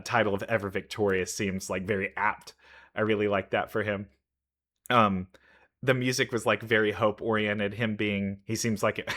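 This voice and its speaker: A man with a fairly low, slightly bright voice talks through a game trailer as a casual reaction host. His thinking-aloud commentary is enthusiastic and rambling, and music sits behind it.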